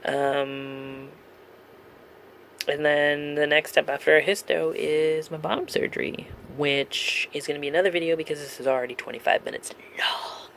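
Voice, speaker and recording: A man's voice: on the high side, a little hiss or hum. A man chatting casually to camera in a vlog, rambling with lots of ums, joking frankly and laughing at himself, at home. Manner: candid and joking, swears casually. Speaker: vlogger. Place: at home with his cat.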